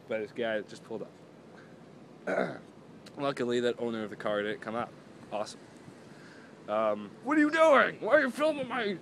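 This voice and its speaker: A young man chats his way through a casual vlog in a parking lot. His voice sits at an ordinary pitch, and he rambles, mocks himself, and keeps losing his thread. Faint traffic hums behind him. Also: a bit bright. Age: young adult. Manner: chatty, rambling, self-mocking, trails off and restarts often. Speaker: vlogger. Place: outdoors in a parking lot beside parked cars.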